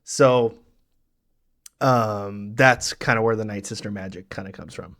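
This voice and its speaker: A man's voice: on the low side, measured pace, a bit bright. A man hosting a casual reaction chat, rambling on as he explains lore at length. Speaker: reaction show host.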